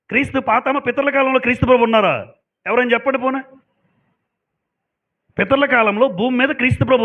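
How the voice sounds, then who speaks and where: A man preaching a sermon to a congregation, emphatic and asking them pointed questions. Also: very high voice. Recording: dull lo-fi sound.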